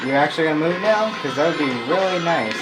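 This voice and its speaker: A young man giving casual, excitable, rambling commentary on a game he is playing. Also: on the high side, quick pace, poor audio. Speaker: gameplay commentator. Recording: loud game music behind.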